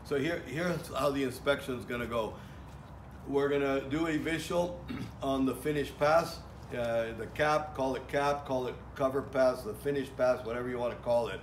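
A man's voice: medium pitch, moderate pace. A middle-aged man teaching welding outdoors in a plainspoken way, with many fillers and restarts, recorded from a far camera. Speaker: welding instructor. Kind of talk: casual outdoor lecture. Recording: echoey, from a distance, faint ambient noise.

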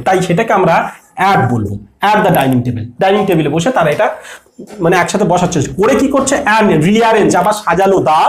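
A teacher works through grammar rules at a middling pitch. The teacher asks the class a question and then answers it, patient and steady. The voice rings in an echoey room. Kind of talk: exam-prep lesson.

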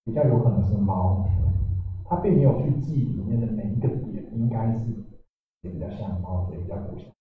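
A man giving a technical talk at a meetup, halting, with many fillers and restarts. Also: medium pitch. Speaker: meetup speaker. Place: meetup room. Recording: echoey room, far from mic, tinny.

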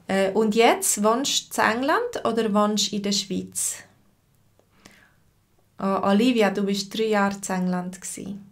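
A woman in her thirties with a Swiss German accent, giving a live-stream language lesson from home at her webcam and answering viewers by name. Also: medium pitch. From Switzerland. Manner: slow, patient, repeats phrases and answers chat viewers by name. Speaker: language teacher.

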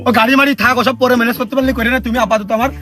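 A man doing a squeaky, fast-talking cowardly thug. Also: steady tone, pushed and bright, faint music behind. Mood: pleading. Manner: rambling, excuse-making, pleading. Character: boastful cowardly young male thug.

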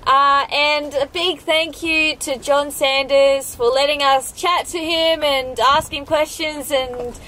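High-voiced young woman, chatty. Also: fairly even intonation, slow, hardly any pauses, rough recording. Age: young adult. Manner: warm, grateful, chatty. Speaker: vlog co-host. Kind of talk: casual chat to camera. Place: cockpit of a sailboat under a canopy, outdoors.

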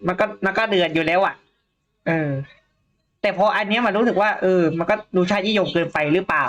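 A woman co-hosts a casual news discussion and muses her way through her points, pausing and circling back often. Her voice sits at an ordinary middle pitch. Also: faint music behind. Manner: musing, thinks aloud with frequent hesitations. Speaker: news talk co-host.

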